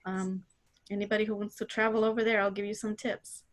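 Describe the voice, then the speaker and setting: A woman's voice: mid-range voice, little pitch movement, fairly quick. A woman from Croatia introducing herself as dental faculty on a video call, chatty with frequent fillers. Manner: chatty, light laughs, many fillers.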